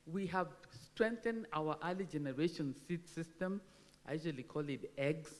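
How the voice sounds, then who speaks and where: A woman's voice: sits low, darkish tone. Kenyan woman in her sixties, missing front teeth. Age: 60s. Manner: candid, self-deprecating, emphatic. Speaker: agricultural research speaker. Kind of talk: informal speech at a launch event. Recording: long hall reverb on microphone.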